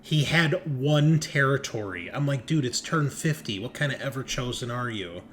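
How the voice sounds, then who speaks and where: This host and game master has a mid-range, slightly bright voice with lively intonation and a normal speed. He chats casually and with enthusiasm, using slang and swearing a lot, against noticeable background noise.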